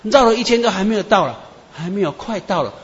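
A man preacher, telling dream testimonies in an animated storytelling sermon. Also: sits high, quick pace. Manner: animated storyteller, many "啊" and "哈" tags. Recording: echoey muffled hall with faint ambience.

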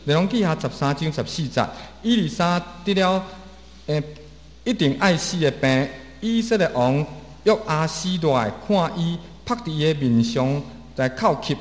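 A man's voice: fairly high pitch, animated, normal speed. A man interpreting a sermon phrase by phrase, with occasional restarts. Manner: repeats each phrase, with small restarts. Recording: roomy long hall reverb.

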